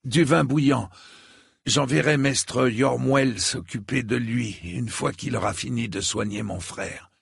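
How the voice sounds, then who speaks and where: A man voicing a wounded noble prince with a thick, metallic voice, speaking haltingly. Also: medium pitch, gravelly, breathy edge, no echo, clean studio sound, pitched above the performer's own voice, heavily acted. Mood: weary, strained. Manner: halting, stammering speech.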